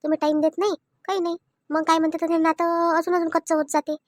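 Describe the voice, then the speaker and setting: A woman voicing a sensible sister-in-law in a cartoon family drama who calms and advises, speaking. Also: very high voice, fast talker, no room sound. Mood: advising. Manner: soothing, advising.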